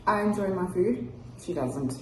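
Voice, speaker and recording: A woman's voice: medium pitch, animated, moderate pace. A woman chatting casually over food as a companion in an eating challenge, talking with her mouth full. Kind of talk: casual chat while eating. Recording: very echoey room with faint noise.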